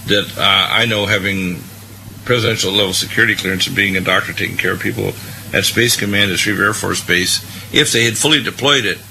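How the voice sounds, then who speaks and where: Sharp, insistent male radio host. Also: on the low side, fairly quick, creaky, slight background noise, poor audio. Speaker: radio talk show host, also a doctor. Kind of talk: conversational interviewing.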